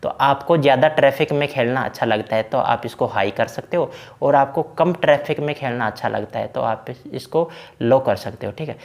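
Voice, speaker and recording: A man's voice: medium pitch, normal speed, vocal fry, few pauses. A man giving a casual, chatty walkthrough of a truck driving game's settings, talking the viewer through each option. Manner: chatty, repeats fillers like "na" and "bhai". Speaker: game tutorial creator. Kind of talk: casual screen-recorded game walkthrough.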